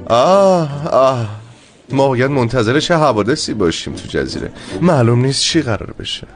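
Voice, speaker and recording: A man's voice: mid-range voice, sing-song, soft background music, natural voice. A man voicing a fussy, talkative young male friend in a dubbed TV drama, full of dramatic sighs. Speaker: dubbed series sidekick.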